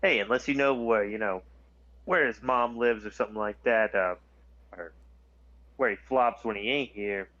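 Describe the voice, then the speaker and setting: Man playing a streetwise gangster, casual, lowish voice, dull lo-fi mic. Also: fairly bright tone.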